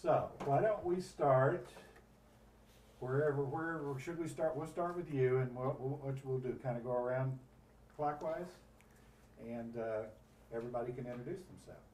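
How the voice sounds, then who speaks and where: Halting man asking questions off-mic. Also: mid-range voice, a little mellow, far from the mic. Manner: loose and halting, repeats words. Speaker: interviewer. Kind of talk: casual interviewing.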